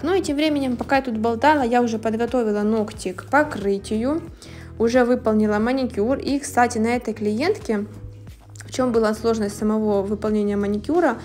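A woman nail technician narrates a manicure video, her voice a little high and a little mellow. She tells stories in a casual, chatty way, sounding lightly amused.

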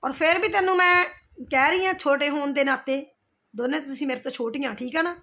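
This middle-aged vlogger talks a little fast in a high voice that sounds pushed and bright. Replying to her roasters, she rants hotly into the camera, confrontational and scolding, restating her points repeatedly.

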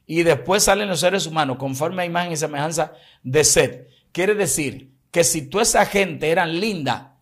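A man's voice: a little high, normal speed, hardly any pauses, breathy edge. Dominican man explaining emphatically. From Dominican Republic. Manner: emphatic, explanatory, tells anecdotes. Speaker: evangelist podcast guest. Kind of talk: casual religious podcast talk.

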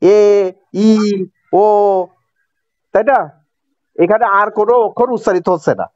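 A man's voice: sits high, measured pace, dry recording. A man with a Bangladeshi accent teaching a grammar lesson, repeating each point and asking if students understand. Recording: dry, dull lo-fi recording.

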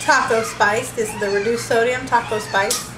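A woman's voice: a little high, fairly even intonation, normal speed, loud music behind the voice. A woman in her thirties rambling casually through a grocery haul in her home kitchen, filmed by a camera on the table. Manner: rambling, chatty, thrifty. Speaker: vlogger. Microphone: camera mic at table distance. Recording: echoey kitchen with background noise.

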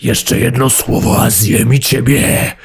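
Man doing a sly greedy tomcat, storybook reading, coaxing, gravelly, husky. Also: medium pitch, level tone, slow pace, full character voice. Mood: menacing. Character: greedy sly tomcat, smooth-talking then menacing.

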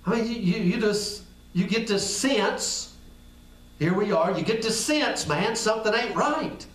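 A man's voice: high voice, lively intonation, measured pace, fairly bright tone. A man preaching a sermon in a folksy, conversational way. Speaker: pastor. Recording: echoey room, picked up from a distance.

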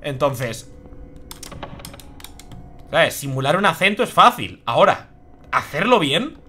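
Spanish man, young adult, game streamer; lively swooping delivery, bright tense tone, swears freely. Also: on the high side, slow, slight background noise. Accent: Spain. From Spain. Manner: chatty, swears freely, reacts aloud. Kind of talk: live gameplay commentary.

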